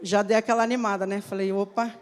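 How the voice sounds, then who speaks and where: A woman preacher giving a sermon with personal testimony, telling her stories slowly and emphatically and acting out the dialogue in them. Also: mid-range voice, level tone. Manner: slow, emphatic storytelling. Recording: long hall reverb.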